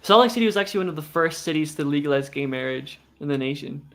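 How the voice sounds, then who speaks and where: American male, slightly high voice, loose rambling delivery, casual stream chat. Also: animated, fast talker, a bit bright. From Utah, United States. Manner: rambling, frequent "like" and "you know".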